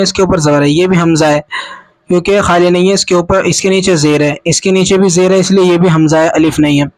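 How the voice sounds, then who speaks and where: A man with a fairly high voice and a Pakistani Urdu accent gives a patient spoken lesson in Quran reading. He sounds out each syllable slowly and repeats it, then poses his own questions and answers them. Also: poor audio.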